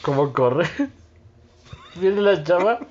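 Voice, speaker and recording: Brief: male podcast co-host, slightly high voice, giggly storyteller, muffled lo-fi audio. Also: takes it slowly. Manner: animated storyteller, laughs often, acts out quotes. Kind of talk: casual chat.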